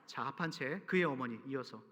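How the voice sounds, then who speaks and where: A male pastor giving an animated, storytelling sermon and cueing the congregation to read aloud together. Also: medium pitch, brisk. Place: large church sanctuary. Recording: reverberant church hall.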